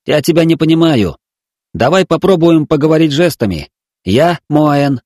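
Man doing friendly young sailor guy, cooing, a bit higher than his narration. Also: lively intonation, normal speed, a little mellow, no echo, lightly acted. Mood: coaxing. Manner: coaxing, cooing. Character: young eager male sailor, friendly, chatty.

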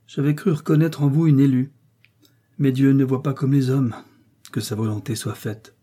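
A man reading a severe young clergyman with a very dark, husky voice, grave and reproving. He speaks like a stern preacher passing judgment in a storybook reading. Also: medium pitch, steady tone, normal speed, natural voice. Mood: solemn.

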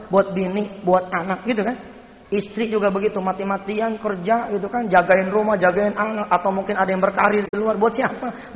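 A male preacher telling a story in a lively, colloquial sermon to a congregation. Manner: animated, colloquial, swooping pitch. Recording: echoey live hall recording.

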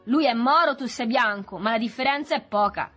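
A woman's voice: on the high side, brisk, fairly bright tone, soft background music, pitched above the performer's own voice. A woman doing a sneering teenage boy ringleader. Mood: mocking. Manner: taunting, teasing.

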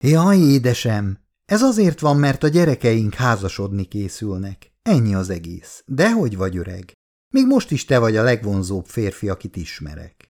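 A man's voice: lowish voice, big pitch swings, darkish tone. Man voicing a fretful affectionate middle-aged wife. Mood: worried tender. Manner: chatty, anxious, coaxing.

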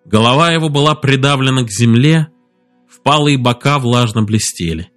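Brief: male audiobook narrator, mid-pitched, even and measured, soft music faintly underneath. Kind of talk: scripted narration.

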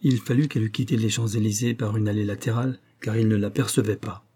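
A man reads a novel aloud in measured, scripted narration. His voice is dark and mellow, with a husky edge. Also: lowish voice, steady tone. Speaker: audiobook narrator.

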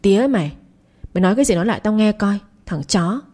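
A woman's voice: mid-range voice, lively intonation, brisk, mellow, natural voice. A woman voicing a brash, boastful rich schoolboy who bullies his classmates. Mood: furious. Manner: boastful, taunting. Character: brash rich schoolboy bully, teenage boy.

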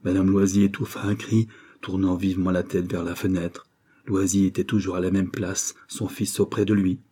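A male audiobook narrator reads literary prose in a measured, dramatic way. His voice is low, dark and husky. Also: little pitch movement.

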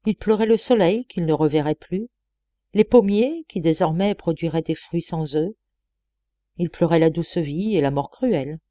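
A woman narrates a literary audiobook with measured, expressive reading. Her voice is mellow and warm, recorded dry and close. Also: lowish voice, dry recording. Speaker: audiobook reader.

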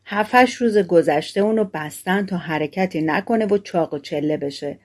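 A woman's voice: fairly low pitch, darkish tone, natural voice. A woman reading the lines of a sly teenage boy who talks someone into a trade, in a storybook tale. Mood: scheming. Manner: scheming, persuasive.

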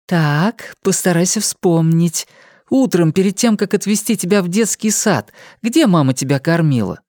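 A narrator voicing a kind young woman who gently coaxes a frightened child. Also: medium pitch, expressive, moderate pace, no echo, studio quality, pitched above the performer's own voice, lightly acted. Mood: soothing. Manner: gentle, coaxing.

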